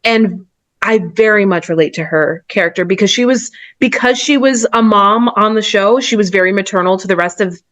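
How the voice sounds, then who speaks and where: A chatty woman, talking as a podcast guest. Her voice is mid-pitched and swings between highs and lows, and she laughs easily. The recording is dry and close, with no room sound. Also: moderate pace, no room sound. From New Jersey and New York area. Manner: animated, laughs often. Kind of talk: casual chat.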